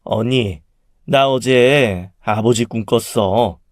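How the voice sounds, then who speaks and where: A man voicing a chatty middle-aged aunt who tells about a dream in a drawn-out, gossipy way. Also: medium pitch, dry recording, clean studio sound, lightly acted. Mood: confiding.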